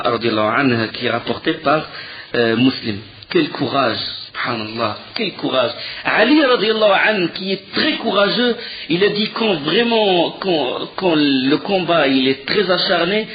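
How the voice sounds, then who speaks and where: A teacher of religious history, whose voice is on the high side, gives a recorded lecture retelling a story with animation. He often restarts his sentences and uses fillers, and the recording has its highs cut off.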